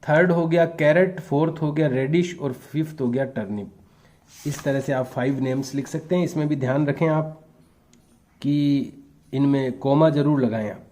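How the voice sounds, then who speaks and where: A male teacher slowly dictating answers and translating each phrase for his pupils. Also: fairly high pitch, a little mellow. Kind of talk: classroom lesson, bilingual explanation.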